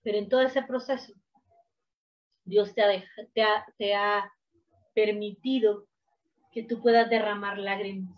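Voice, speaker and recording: A woman preacher delivering a sermon, emphatic, swinging from hushed to loud, on a dull lo-fi recording. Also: mid-range voice, steady tone, unhurried, pauses often.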